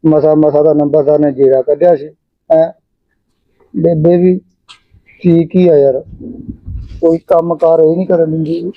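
An actor playing a naive, simple-minded grown son who talks in a rambling, childlike way. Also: male voice, fairly high pitch, level tone, measured pace, pauses often, phone-quality sound. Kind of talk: village short-film acting.

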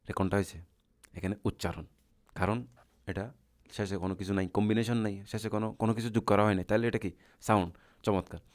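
A man's voice: lowish voice, fairly even intonation, fast talker, long pauses. A man, teaching Arabic grammar. He keeps asking his students questions, then answers them himself, and goes over each point again patiently. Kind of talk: classroom lecture.

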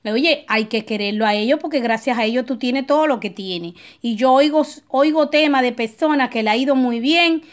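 A woman with a high voice talks her listeners through ritual advice in a loose, conversational way. She preaches a little and keeps checking in with short tag questions. She often drifts into personal stories before coming back to the point. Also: normal speed, few pauses. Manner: digressive, with restarts and personal anecdotes. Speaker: spiritual advisor teaching a ritual. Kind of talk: casual spoken advice talk.

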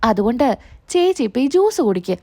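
A caring young woman from a soap story, soft and pleading as she coaxes someone to eat, voiced plainly by a woman narrator. The voice sits high and light. It stays close to an everyday speaking voice. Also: big pitch swings, quick pace. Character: gentle caring young woman coaxing her sister-in-law.

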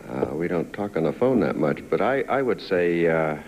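A middle-aged man with a husky voice, answering hesitantly as a game show contestant. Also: low-pitched, animated, normal speed, a little hiss or hum. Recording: dull lo-fi TV sound.

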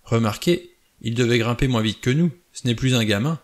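A man voicing a middle-aged doctor who speaks in a flat, lifeless, toneless voice. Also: medium pitch, moderate pace, natural voice. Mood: uneasy. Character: middle-aged male doctor, nervous, later numb and hollow.

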